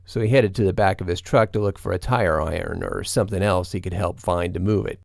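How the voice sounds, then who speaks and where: A man reading a scripted eerie true story with measured, suspenseful storytelling on a close studio mic. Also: low-pitched, creaky, a little mellow, no room sound. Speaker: storyteller narrator.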